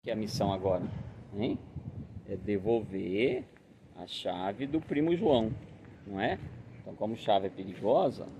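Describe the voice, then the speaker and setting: Older grandpa coaxing a small grandchild. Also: male voice, fairly low pitch, normal speed, pauses often, background noise. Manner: coaxing, repetitive questioning, mock-serious. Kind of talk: playful chat with a grandchild.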